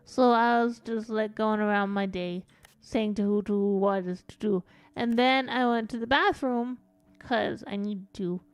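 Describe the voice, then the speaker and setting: A woman's voice: mid-range voice, a little slow, no echo. A woman streaming a game as a VTuber, rambling through a casual story and swearing now and then. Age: adult.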